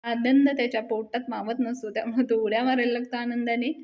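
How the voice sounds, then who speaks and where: A woman who reviews a TV serial, retelling the episode as brisk storytelling narration. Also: a little high, level tone, a little mellow.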